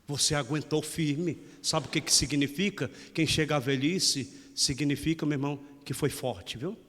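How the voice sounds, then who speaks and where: Joking priest in a reverberant church. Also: male voice, fairly high pitch, steady tone, moderate pace, a bit bright. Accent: Brazilian Portuguese. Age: 40s. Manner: folksy, teasing, keeps saying "meu irmão". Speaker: parish priest. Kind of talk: lively humorous homily.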